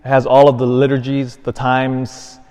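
A man preaching a sermon as a priest, earnest, rising to emphatic peaks and falling soft and quiet. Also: mid-range voice, completely flat delivery, normal speed, smooth. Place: large church. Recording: long church reverb.

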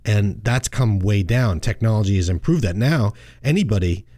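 A man's voice: on the low side, expressive, moderate pace, warm tone, dry recording. A middle-aged man who is a financial advisor and host, chatting casually on a show with frequent restarts and laughs. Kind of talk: casual radio show chat.

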